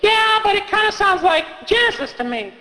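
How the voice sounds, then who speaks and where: A whiny little kid who picks at every story and bursts into shrill complaints, as a man puts him on. His voice is high and jumps all over, and it rings in a reverberant hall. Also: animated, moderate pace, pushed and bright, exaggerated voice. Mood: skeptical. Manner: complaining, nitpicking, shrill outbursts. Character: whiny, skeptical young child listener.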